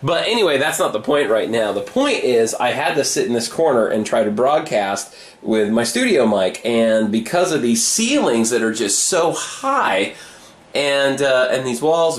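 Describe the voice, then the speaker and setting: In an old high-ceilinged apartment's hallway, a man with a mid-range voice films a casual behind-the-scenes vlog as a podcast host. His delivery is informal and halting, tinged with self-deprecation.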